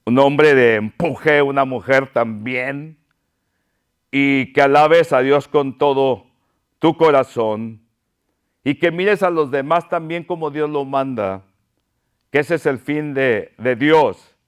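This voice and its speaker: A man's voice: medium pitch, takes it slowly, clean tone. A male pastor preaching a sermon, fervent and pleading, repeating his phrases.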